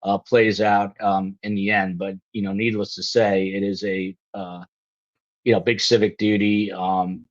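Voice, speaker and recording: Low-voiced man on a muffled video call. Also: flat delivery, unhurried. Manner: rambling, full of ums and you-knows. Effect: video call audio. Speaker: live show host. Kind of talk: casual panel chat on a live stream. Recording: dull lo-fi video call line.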